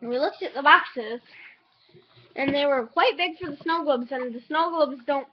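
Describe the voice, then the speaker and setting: A high-voiced teenage girl rambles with excitement through a casual unboxing vlog, full of fillers and hiccups. The recording is dull and lo-fi, made at home. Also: a little slow. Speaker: vlogger.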